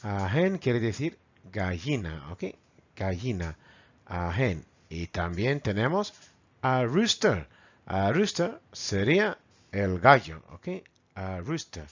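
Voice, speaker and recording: A man with a Spanish accent from Spain teaching English vocabulary to children, repeating words slowly and mimicking animal sounds. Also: lowish voice, big pitch swings, fairly bright tone, lo-fi sound. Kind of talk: bilingual vocabulary lesson.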